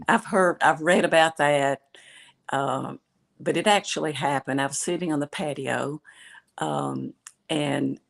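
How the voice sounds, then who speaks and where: An older woman with a Southern accent chats as a novelist guest on a video call, telling her stories in a relaxed way. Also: low voice, unhurried, vocal fry. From West Tennessee. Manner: chatty storyteller. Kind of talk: casual chat.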